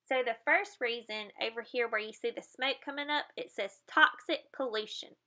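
A woman reads a children's picture book aloud, explaining each page and throwing in playful sound effects. Her voice is bright and sits a little high. She keeps it plain and friendly for young listeners. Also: moderate pace.

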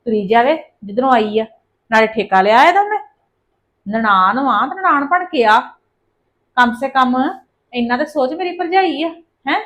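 A woman playing a complaining, sharp-tongued daughter-in-law in a family drama. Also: sits high, animated, normal speed. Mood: grumbling aside. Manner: complaining, sarcastic, mutters asides.

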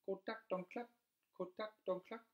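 A man voicing a magic hen that clucks and announces hidden secrets in a high chant. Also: steady tone, measured pace, highs cut off. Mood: insistent.

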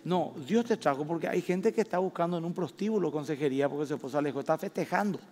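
A man with a Paraguayan Spanish accent preaching a sermon as pastor, stressing words slowly and rising loud at his high points. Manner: emphatic preaching with slow drawn-out stresses and sudden loud rises. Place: church hall. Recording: long reverb of a church hall.

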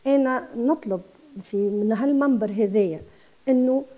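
A woman's voice: on the high side, normal speed, lo-fi sound. A Tunisian woman in her sixties who runs a guesthouse, speaking with passion as a TV interview guest and mixing in French words. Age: 60s. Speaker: guesthouse owner.

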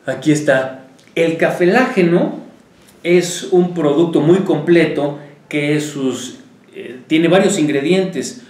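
A man's voice: a little high, slow, darkish tone, reverberant. A man co-hosting a health talk show, reading out a listener's question and running through what a product contains. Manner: explains a product by listing its contents. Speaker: co-host.

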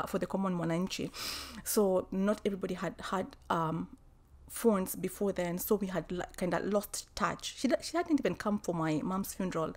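A woman telling a personal story, halting, with many restarts and fillers, and at times dropping to a soft whisper. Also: on the low side. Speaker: vlogger.

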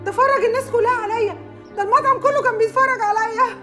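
An actress with an Egyptian accent playing a jealous, quick-tempered young newlywed bride in a TV drama. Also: female voice, high-pitched, distant mic, natural voice. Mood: upset. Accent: Egyptian Arabic. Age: young adult. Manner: rapid, accusing, flares into shouting. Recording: music under the dialogue.

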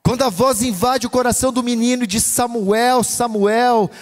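High-voiced preaching man, fervent. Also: quick pace. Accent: Brazilian Portuguese. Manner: fervent, chanting cadence. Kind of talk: pentecostal sermon. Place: church hall. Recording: long church reverb.

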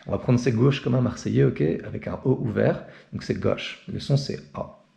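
A man's voice: mid-range voice, a little fast, vocal fry, warm tone. A young man explaining an alphabet in a casual, chatty tutorial and often checking in with the viewer. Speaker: language teacher.

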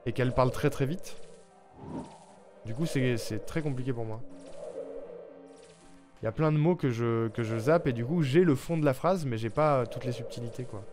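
A man's voice: mid-range voice, normal speed, pauses often. A man from France chatting casually with viewers on a live stream, talking in a loose, hesitant way with lots of fillers and restarts. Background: background music.

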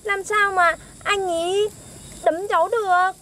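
A young woman, acting in a comedy sketch with a sharp-tongued, mocking manner. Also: very high-pitched, steady tone, takes it slowly. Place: outdoors in a field.

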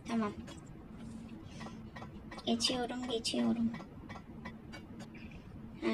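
A woman's voice: on the high side, rough recording. A woman doing casual let's-play commentary, talking to herself and the game with jumpy exclamations. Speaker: gamer.

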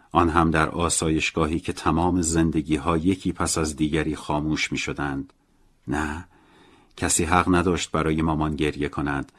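A man reading a novel as a first-person audiobook narrator, in a calm, measured and reflective way. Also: a bass voice.

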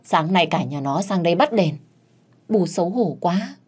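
A woman voicing a scheming old village mother-in-law who wails and scolds in a shrill voice. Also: lively intonation, normal speed, a little mellow, slightly rough. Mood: lamenting.

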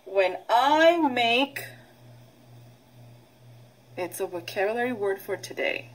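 With a fairly high, expressive voice, this woman teaches preschoolers, reading to them and running vocabulary drills in short, plain phrases separated by pauses.

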